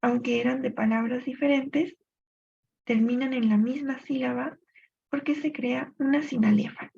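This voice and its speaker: A woman teaching a recorded literature lesson, explaining step by step and pausing to think aloud for examples. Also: high-pitched, fairly even intonation, warm tone. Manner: clear explanatory pace with thinking-aloud pauses. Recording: dull lo-fi recording.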